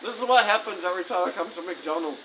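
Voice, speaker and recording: A man's voice: high-pitched, fast, background noise. A man vlogging to camera, rambling and complaining, laughing often and talking with his mouth full. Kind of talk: casual chat to camera. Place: fast food restaurant. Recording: music playing in the background. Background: background music.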